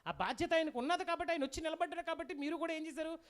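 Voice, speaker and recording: Guest preacher, sermon, folk tale, lively, quizzes the congregation. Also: very high-pitched, very fast. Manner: lively, asks the audience questions.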